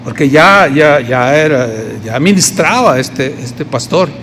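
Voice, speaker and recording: A man's voice: a little high, expressive, slow pace, fairly bright tone. A man with a Mexican accent preaching a conversational sermon as pastor, acting out the people he quotes. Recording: long hall reverb, faint noise.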